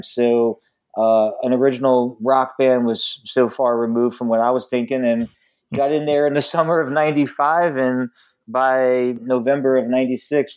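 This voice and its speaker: A man with a medium-pitched voice talks casually as an interview guest, like a musician recalling his career. He pauses and fills the gaps with lots of ums and uhs. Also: darkish tone, poor audio. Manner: frequent ums and uhs, halting.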